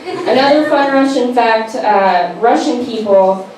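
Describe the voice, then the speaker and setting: Woman stand-up comic, deadpan delivery, crowd work, recorded from far off in an echoey club. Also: on the high side, measured pace. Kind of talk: stand-up set. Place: small club stage. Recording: echoey room from far off with noise. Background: audience laughter.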